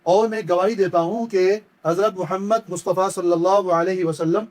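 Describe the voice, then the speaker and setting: A high-pitched man giving a step-by-step recitation lesson. He explains each error with patient repetition, then slowly chants the words and draws them out as a demonstration. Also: fairly even intonation, a little mellow. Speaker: Quran recitation teacher.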